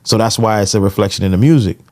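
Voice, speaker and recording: An American podcast co-host shares his opinions in casual conversation, often dropping in conversational tag phrases. He talks fast, with a fairly low pitch and a darkish tone.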